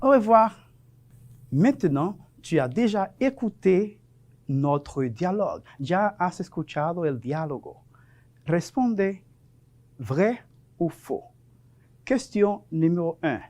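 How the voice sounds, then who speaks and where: A male teacher giving a televised French lesson, speaking slowly and patiently, spelling words out and repeating them. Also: on the high side, big pitch swings, warm tone.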